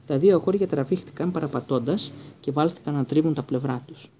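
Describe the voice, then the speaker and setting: A man's voice: fairly high pitch, warm tone, slight background noise. A man narrating an audiobook steadily, with occasional stumbles.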